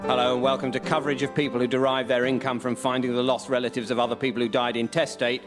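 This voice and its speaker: A man's voice: medium pitch, level tone, fast talker, music in the background, close to an everyday voice. A man playing a pompous, irritable panel chair in a radio sketch comedy, blustering and exasperated. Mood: mock-solemn.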